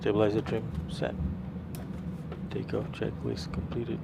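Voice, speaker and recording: Gravelly man making clipped pilot callouts over cockpit roar. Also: fairly low pitch, monotone, a little slow. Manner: clipped procedural pilot phraseology mixed with casual muttering. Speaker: flight simulator pilot and streamer. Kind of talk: live flight-sim commentary with cockpit callouts and radio calls. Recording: loud cockpit engine and air noise.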